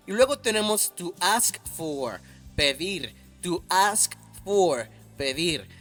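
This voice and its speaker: Guy teaching english vocab, goes real slow and repeats stuff, lively up and down voice, quiet music under it. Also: fairly high pitch. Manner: patient, repeats each word slowly and clearly. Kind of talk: slow, careful language lesson.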